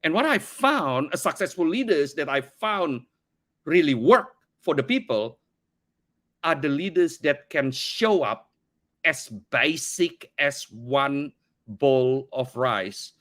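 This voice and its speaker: A man's voice: fairly high pitch, animated, slow pace, fairly bright tone. A middle-aged man from Indonesia, English as a second language, earnestly telling his story in an interview, often repeating words as he searches for phrasing. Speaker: company CEO, podcast guest. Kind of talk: conversational interview.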